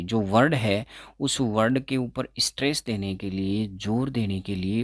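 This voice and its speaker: A man teaching English pronunciation as an exam-prep tutor, explaining slowly, repeating words and correcting himself as he goes. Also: lowish voice, a bit bright, dry recording, clean studio sound. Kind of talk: explaining phonetics in Hindi.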